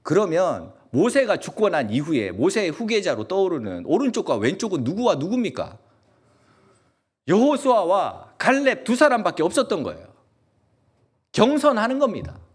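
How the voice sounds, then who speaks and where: Animated Gyeongsang pastor preaching. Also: male voice, high-pitched, moderate pace, slightly rough. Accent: Gyeongsang Korean. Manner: animated, asks the congregation many questions; acts out quoted voices in dialect. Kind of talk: lively sermon. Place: church sanctuary.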